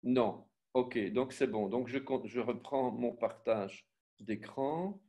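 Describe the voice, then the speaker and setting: A man teaching a Biblical Hebrew lesson online, spelling out syllables and letters one by one, often pausing to correct himself. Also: medium pitch, mellow. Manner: self-correcting, with frequent fillers and restarts. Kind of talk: online class with screen sharing.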